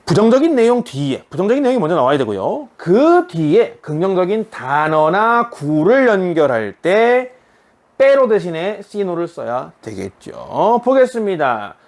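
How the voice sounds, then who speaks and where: Lively Korean man teaching Spanish. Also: sits high. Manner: explains step by step, reads example sentences slowly. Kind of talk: online language lesson.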